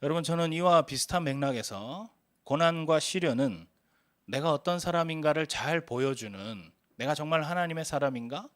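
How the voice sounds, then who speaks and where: A man's voice: on the high side, expressive, normal speed, no echo, studio quality. A man in his forties preaching a sermon as a pastor, telling stories earnestly with frequent hesitant fillers.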